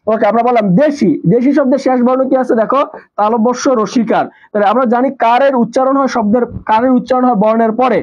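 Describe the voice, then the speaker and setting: A man's voice: extremely high pitch, darkish tone, dull audio. A man teaching a live online class, asking his students questions and answering them himself while repeating the key terms. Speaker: nursing admission teacher.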